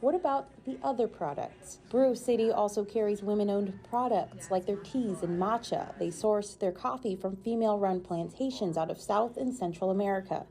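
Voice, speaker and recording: A woman's voice: medium pitch, moderate pace, hardly any pauses, warm tone. A woman reporter reading a scripted news feature voice-over in an upbeat, playful way.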